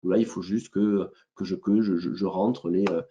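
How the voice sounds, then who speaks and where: A man with a southern French accent presenting a software demo in a webinar, talking hesitantly with many fillers and restarts. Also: low-pitched, fairly even intonation, normal speed, muffled recording.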